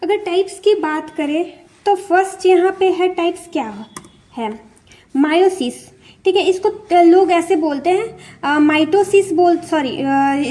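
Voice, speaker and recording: A woman's voice: very high voice, mellow. A young woman teaching an exam-prep lesson in a mix of Hindi and English, repeating key terms and often checking in with her listeners.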